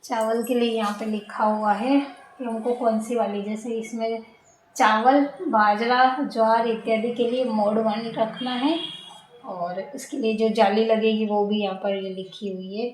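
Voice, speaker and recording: A woman's voice: on the high side, fairly even intonation, unhurried, slight background noise. A young woman, chatting casually at home as she explains her household chores step by step. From India. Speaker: vlogger. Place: home, indoors.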